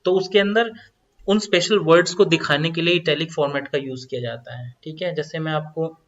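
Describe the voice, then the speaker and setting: A man's voice: a little high, fairly even intonation, brisk, fairly bright tone, muffled recording. A man teaching a coding lesson as a screen-recorded voice-over, explaining each step and repeating key phrases.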